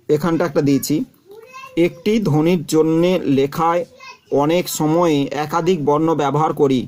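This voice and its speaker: A male teacher gives a patient classroom lecture, working through his points one by one. His voice sits a little high for a man. He keeps turning to his students and telling them to look at what he is showing. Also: darkish tone. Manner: explains step by step, repeating terms and examples.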